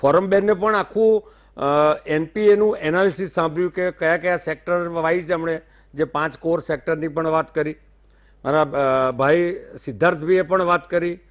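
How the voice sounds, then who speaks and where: Courteous Gujarati debate guest on a muffled line. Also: male voice, on the high side, fairly even intonation, normal speed. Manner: formal, courteous, praising. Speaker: debate guest, industry-side panelist. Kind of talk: measured debate commentary.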